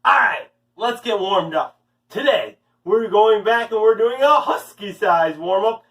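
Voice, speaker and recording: A man's voice: high voice, animated, unhurried, fairly bright tone. A man in his thirties leads a children's exercise lesson with an overbright, upbeat kids' party host delivery. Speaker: kids' fitness teacher and video host. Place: living room at home, indoors. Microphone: camera several steps away. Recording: distant roomy mic, music behind. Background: guitar music.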